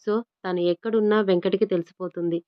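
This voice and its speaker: A woman voicing a steady, protective young man who explains things plainly, on a dull lo-fi recording. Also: medium pitch, brisk, clean tone, natural voice.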